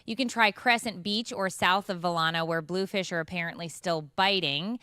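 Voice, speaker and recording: A woman's voice: on the low side, normal speed, bright, forceful tone, clear, resonant tone, dry recording, studio quality. A woman co-hosting a morning show, reading local news with joking asides. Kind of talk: casual chat, reading news segments.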